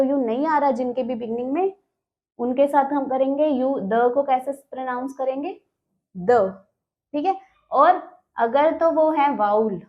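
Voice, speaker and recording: A high-pitched woman teaches a grammar lesson, patiently sounding out each word and checking her point with a quick question. The recording is dull and a little lo-fi. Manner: explains step by step, sounding out words, often checks with a question.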